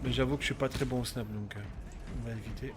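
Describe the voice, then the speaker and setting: A man's voice: medium pitch, steady tone, fast talker, music in the background. A man giving casual, slangy gameplay commentary in an informal manner. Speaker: gamer commenting on own play.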